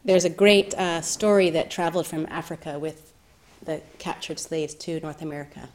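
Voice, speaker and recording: A woman giving a reflective meditation talk, soft-spoken and thoughtful with gentle laughter. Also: deep voice, normal speed. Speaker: meditation teacher.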